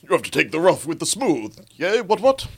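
Guy doing a pompous old admiral hologram, kinda high and gravelly, laughs a lot, very posh old-school. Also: big pitch swings, moderate pace, exaggerated voice. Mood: jovial. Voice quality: pompous, chuckling, old-fashioned upper-class manner.

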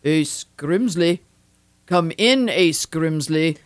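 An actor playing a male robot lieutenant who talks in a precise, mechanical monotone. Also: a little high, slow pace, background noise. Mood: flat.

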